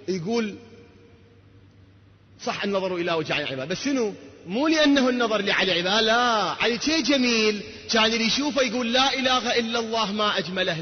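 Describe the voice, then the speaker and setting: A man delivers a religious lecture in a high, swinging voice that rises and drops constantly. He talks quickly and throws rhetorical questions at his listeners. The recording is muffled, with a long hall echo behind him. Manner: animated, rhetorical questions to the audience. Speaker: preacher. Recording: dull sound with long hall reverb.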